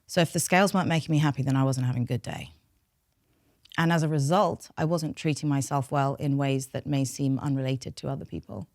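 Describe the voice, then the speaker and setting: This podcast guest, a behaviour change specialist from North London, speaks briskly in an extremely low, steady, slightly mellow voice. A native Farsi speaker with a London accent, she talks openly and reflectively about herself in a candid interview, recorded at studio quality without room sound.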